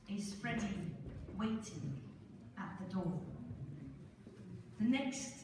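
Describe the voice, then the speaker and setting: A middle-aged woman from Estonia telling a gently humorous story to a congregation, speaking with pauses into a handheld mic. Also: medium pitch. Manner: slow, warm-humored, with pauses. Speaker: church speaker. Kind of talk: storytelling talk with slides. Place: church hall. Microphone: handheld mic, filmed from the congregation. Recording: echoey hall from far off, noisy.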